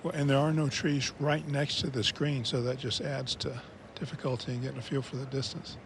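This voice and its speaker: A man's voice: mid-range voice, level tone, a little fast, background noise. A man giving live golf commentary in short, descriptive, conversational observations.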